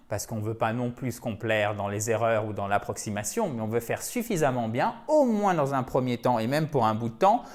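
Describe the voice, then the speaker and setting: An energetic man gives a pronunciation lesson to French learners, drilling each word again and again. He talks in a chatty, encouraging way between the examples. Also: medium pitch. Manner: energetic, repeats words for drilling, chatty asides. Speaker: English pronunciation teacher. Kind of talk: video lesson.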